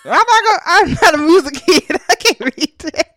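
A woman's voice: very high voice, lively intonation, moderate pace, a bit bright. A young woman co-hosting a podcast, chatting casually, playful and laughing often. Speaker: podcast co-host.

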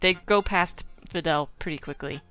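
A woman's voice: lowish voice, moderate pace, pushed and bright, smooth, faint music behind. Woman co-host chatting casually. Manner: explains translation differences, many ums. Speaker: podcast co-host. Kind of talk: casual chat.

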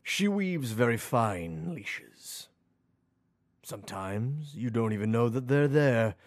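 A man voicing a stern, haughty noble lord who speaks with cold, measured condescension. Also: mid-range voice, lively intonation, pitched below the performer's own voice.

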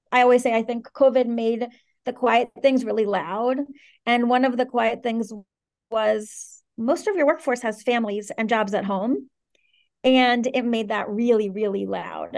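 A woman in her thirties, raised between Venezuela and the Washington DC area, speaking as an interview guest in an articulate, earnest and animated way. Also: fairly high pitch, gravelly. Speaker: guest, startup co-founder. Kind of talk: interview conversation.

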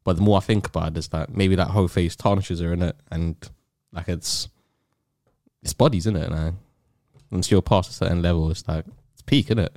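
A man with a London roadman accent chats casually on a podcast in heavy street slang, often finishing on tag questions. His low, steady, slightly mellow voice moves briskly, and the studio sound is clean with no echo.

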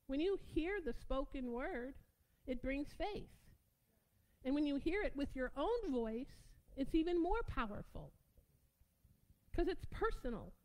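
Excitable high-voiced woman preacher. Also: measured pace, low-quality recording. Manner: excitable, shouting preaching with sudden bursts. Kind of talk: sermon.

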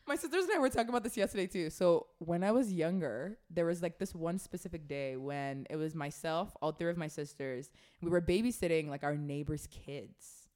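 Young female podcast co-host from Canada, lively storyteller, slightly low pitch. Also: fairly quick. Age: 20s. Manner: animated, laughing, many "like" fillers. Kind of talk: casual chat, storytelling.

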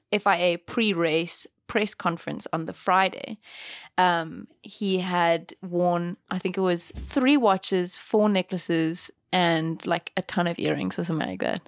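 A woman's voice: fairly low pitch, measured pace, no room sound, clean studio sound. A young woman from Africa, co-hosting a casual podcast chat in a giggly, chatty way. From South Africa. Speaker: podcast co-host.

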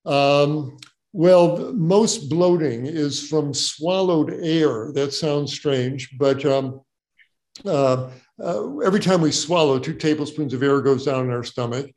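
A man's voice: a little high, slow, darkish tone. An older man, a doctor, answering audience questions in a casual, joking way, often repeating words as he explains. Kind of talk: casual Q&A advice.

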